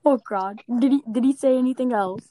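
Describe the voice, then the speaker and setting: High-voiced excitable teen girl. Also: fairly quick, dry recording, clean studio sound. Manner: excitable, shrieky laughter. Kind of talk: casual gossip chat.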